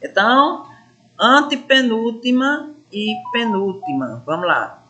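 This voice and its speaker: A woman teacher talks through a lesson at an unhurried pace, her pitch swinging widely as she stretches syllables out to mark the stress. Her tone is bright, and she keeps turning to the class with questions. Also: expressive, lo-fi sound. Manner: addresses pupils as gente, asks questions.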